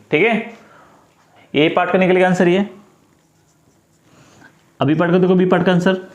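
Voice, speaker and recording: Man, high voice, tutor, repeats every step, roomy echo. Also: a little mellow, muffled recording. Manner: repetitive, coaxing, talks through each step. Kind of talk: step-by-step math lesson.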